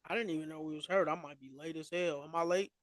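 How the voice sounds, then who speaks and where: A man's voice: a little high, steady tone, fast, dry recording. A man co-hosting a podcast, talking fantasy basketball picks in loose, slangy, trash-talking chat. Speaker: podcast co-host. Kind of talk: casual sports chat.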